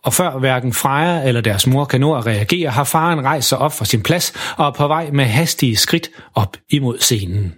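A man narrating a children's bedtime story in a calm, even way. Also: mid-range voice, hardly any pauses.

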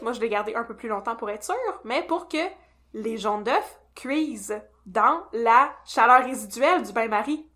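A woman's voice: high voice, sharp tone. A woman with a Québécois French accent co-hosting a podcast in a playful, chatty way. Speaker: podcast co-host. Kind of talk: casual podcast chat.

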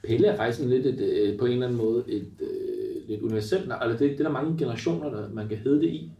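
A man's voice: mid-range voice, vocal fry, recorded from a distance, muffled recording. A young man giving his opinions in casual conversation, recorded roomy and off the microphone.

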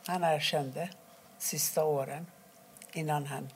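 A middle-aged woman from Iran, telling her own story in an interview, quietly and haltingly, with many pauses. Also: sits low, fairly even intonation, a little hiss or hum. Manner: halting, quiet and emotional, pausing often. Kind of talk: personal testimony interview.

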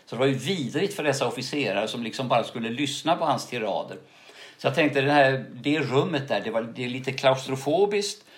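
Older man telling lively stories. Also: mid-range voice. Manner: lively, tags sentences with "va?". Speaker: actor, interview guest. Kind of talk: casual interview storytelling.

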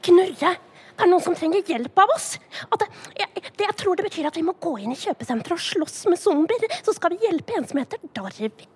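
A woman's voice: very high-pitched, lively intonation, darkish tone. A woman voicing a sweet, naive young male animal in a children's audio play, earnest and hesitant. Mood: upset.

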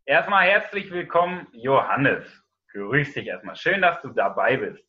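A man's voice: mid-range voice, big pitch swings, a little slow. Enthusiastic man interviewer, lo-fi sound. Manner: enthusiastic, introduces his guest. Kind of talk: casual interview talk.

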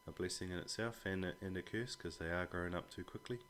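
A man's voice: sits low, fast talker, fairly bright tone, a little hiss or hum. A man with an Australian accent chatting casually as a podcast guest, in a laid-back, blokey way that includes some swearing. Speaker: podcast guest, a father talking about his children. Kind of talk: casual conversation.

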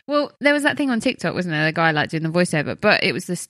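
A woman chatting on a comedy podcast in a relaxed, giggly way. Her voice sits a bit low for a woman, and the sound is dry and close. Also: a little fast, no echo. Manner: giggly, playful, laid-back. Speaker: podcast co-host. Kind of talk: casual comedic chat.

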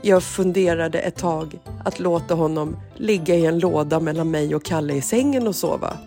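A woman co-hosting a podcast in casual chat, playful and quick to join the jokes. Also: sits low, mellow, faint music behind. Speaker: podcast co-host.

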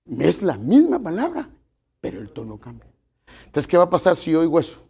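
A man's voice: on the high side, huge pitch swings, a little fast, gravelly, a little mellow, slightly rough. A middle-aged man, preaching a folksy sermon to his congregation and addressing them as brothers. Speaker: pastor.

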